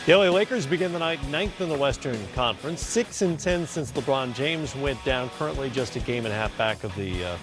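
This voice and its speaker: A man anchoring a sports news segment in a measured, newsy way, asking long questions. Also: mid-range voice, expressive, music in the background. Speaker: studio anchor.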